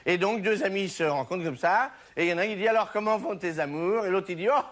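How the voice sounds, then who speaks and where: High-voiced French comedian telling jokes. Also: male voice, quick pace, fairly bright tone. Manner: chatty, rambling, acts out characters' lines. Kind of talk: stand-up joke telling.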